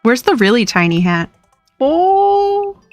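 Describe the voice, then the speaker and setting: A woman's voice: mid-range voice, lively intonation, a little slow, a bit bright, dry recording. A woman streamer chatting casually and playfully to her viewers while playing a game, often laughing. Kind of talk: casual live-stream chat while gaming. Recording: dry close mic with faint music.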